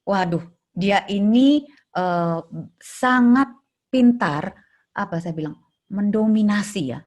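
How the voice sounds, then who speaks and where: Husky woman telling lively anecdotes. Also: mid-range voice, slow pace. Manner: animated, acts out scenes with sound effects. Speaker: guest child therapist. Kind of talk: casual storytelling interview.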